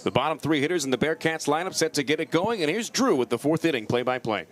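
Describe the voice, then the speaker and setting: A man's voice: on the high side, animated, quick pace. Male baseball broadcaster calling the game. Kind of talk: live sports commentary. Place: outdoor ballpark broadcast.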